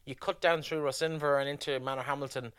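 Smooth-voiced Irish man hosting. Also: on the high side, fairly even intonation, quick pace, fairly bright tone, no room sound, clean studio sound. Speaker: interviewer, host. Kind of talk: conversational interview.

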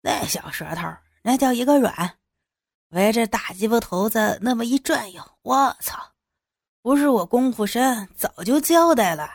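A woman voicing a crude, fawning man who flatters his boss, in an adult audio story. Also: a little high, unhurried, dry recording, clean studio sound. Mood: sleazy. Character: crude young male hanger-on, flattering and lewd.

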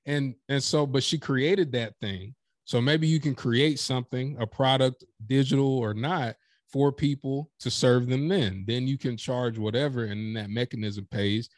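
A man's voice: medium pitch, unhurried, dry recording, clean studio sound. A man guesting on a podcast as a professional speaker, chatting casually and emphatically, acting out quotes as he makes his points. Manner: animated, emphatic storytelling with acted-out quotes. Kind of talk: casual interview chat.

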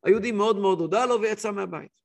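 A man in his thirties, a rabbi telling a story in a weekly religious class with lively voiced quotes. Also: high-pitched, creaky. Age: 30s.

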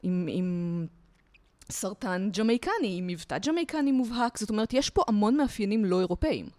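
A woman talking as a guest lecturer in a podcast interview, explaining in a lively, talkative way from memory. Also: medium pitch, no room sound. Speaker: guest lecturer on culture history.

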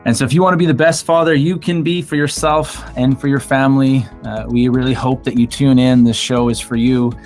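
A man at a middle pitch co-hosts a podcast, talking in an earnest, heartfelt way. He sounds reflective and sincere. Faint music plays underneath. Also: fairly even intonation, brisk, hardly any pauses, a little mellow. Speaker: podcast co-host. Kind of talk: earnest podcast intro talk.

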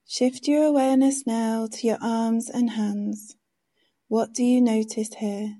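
A woman leading a guided meditation in a soft, soothing, hushed manner, giving gentle instructions. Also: on the high side, steady tone. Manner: slow, gentle instructions with pauses.

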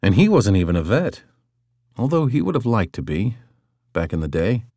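A male audiobook narrator telling the story in a lowish voice with lively, varied intonation. The sound is close and dry, with no room around it. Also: moderate pace, no echo. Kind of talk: scripted narration.

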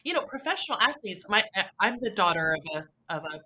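A woman's voice: medium pitch, big pitch swings, fast, bright, forceful tone. A woman hosting a podcast interview, enthusiastic and emotional, laughing often. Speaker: podcast host.

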